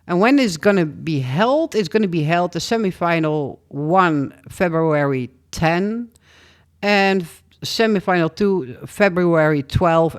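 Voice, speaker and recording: A woman vlogger giving a casual news roundup, reading long lists of names aloud and stumbling over them as she goes. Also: low-pitched.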